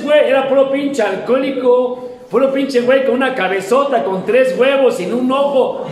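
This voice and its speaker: Hombre mexicano de voz aguda y malhablada. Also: male voice, extremely high pitch, a little mellow, echoey room, rough recording. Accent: Mexico City area Spanish. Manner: crude, slangy storytelling, acts out quoted voices. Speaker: speaker sharing his recovery story. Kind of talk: testimony at a recovery meeting. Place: meeting room.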